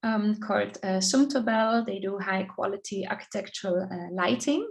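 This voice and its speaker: A middle-aged Austrian business coach with an Austrian accent answers interview questions thoughtfully over a video call, pausing and restarting often. Her voice is medium-pitched with vocal fry, and the audio quality is poor.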